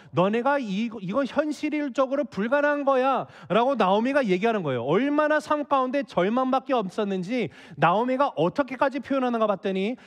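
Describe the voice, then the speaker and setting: A man's voice: extremely high pitch, in a large hall. A man preaching a sermon as a pastor, acting out the characters' lines with emotion. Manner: acts out the Bible characters' dialogue with emotion. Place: church sanctuary.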